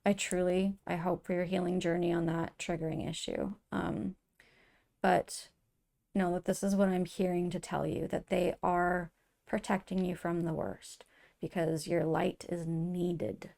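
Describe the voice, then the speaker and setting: Slow, gravelly-voiced woman reading tarot. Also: lowish voice, level tone. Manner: soft, earnest and emotional, with many fillers and restarts. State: tearful at times. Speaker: tarot reader. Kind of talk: intuitive tarot reading to camera.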